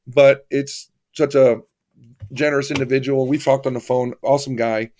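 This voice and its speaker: A man's voice: medium pitch, fairly even intonation, moderate pace, darkish tone. A man hosting a livestream, chatting casually in a folksy, familiar way with his viewers. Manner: folksy, familiar, addresses viewers as buddy and brother. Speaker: livestream host.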